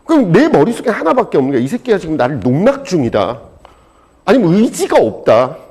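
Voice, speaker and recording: A man teaching a high school exam prep lecture, animated and jokey, swinging between loud and soft. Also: quick pace, breathy edge. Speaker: Korean language teacher.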